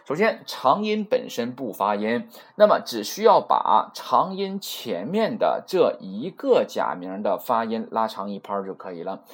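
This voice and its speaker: A man's voice: fairly low pitch, big pitch swings, unhurried, hardly any pauses. A man teaching a beginner Japanese lesson in a chatty way, repeating points and checking that listeners follow. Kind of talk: casual recorded lesson.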